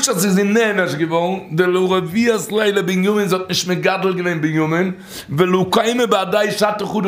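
A man telling stories from religious teachings in an informal, animated way, his voice leaping high and then dropping low. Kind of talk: informal storytelling talk. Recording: echoey room.

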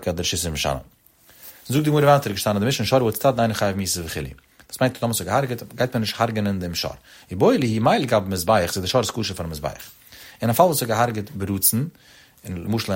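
A man teaching a traditional text study lecture in a rapid, sing-song cadence with sudden rises. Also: fairly low pitch, slightly rough.

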